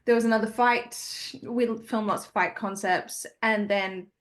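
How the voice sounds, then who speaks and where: A woman with a New Zealand accent, a stunt performer guest in a casual interview, relaxed and friendly as she explains things. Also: mid-range voice, unhurried.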